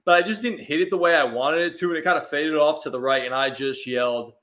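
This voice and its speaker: As a guest on a sports talk show, a man with a slightly high, fairly bright voice chats casually and talks fast. He tells easygoing stories and restarts his sentences often.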